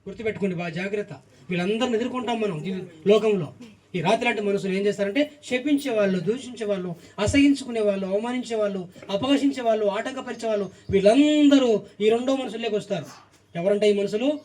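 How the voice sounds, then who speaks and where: A man's voice: high-pitched, quick pace, a little mellow, far from the mic. A man preaching a sermon, emphatic, reeling off repeated lists and firing questions at the congregation.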